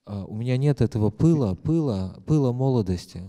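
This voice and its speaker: Very dark-voiced man interpreting live. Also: medium pitch, lively intonation, a little fast. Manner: hesitant, many fillers and self-corrections.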